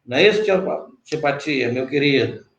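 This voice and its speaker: A man's voice: on the high side, expressive, moderate pace, lo-fi sound. A Brazilian man, a cordel poet, teaching an online workshop patiently and step by step, often checking in with his guest. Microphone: video call. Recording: roomy echo.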